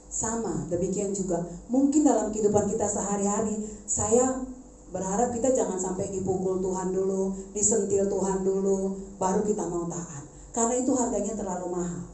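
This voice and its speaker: A woman preaching a sermon in a conversational, animated way, turning to the congregation with asides. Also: medium pitch, normal speed, slight background noise. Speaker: preacher, schoolteacher. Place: church service. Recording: echoey church hall.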